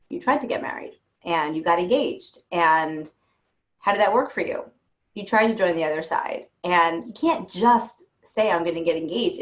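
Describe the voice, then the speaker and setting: A woman dating coach giving frank, reassuring advice and sharing her own stories. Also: lowish voice. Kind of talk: advice talk answering questions.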